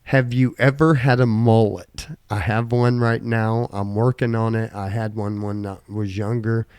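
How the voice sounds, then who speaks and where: Casual podcast host: a man with a slight Southern twang, laid-back, reading quiz questions, pitched a bit low, dry sound. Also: steady tone, a little slow, darkish tone, smooth, no room sound.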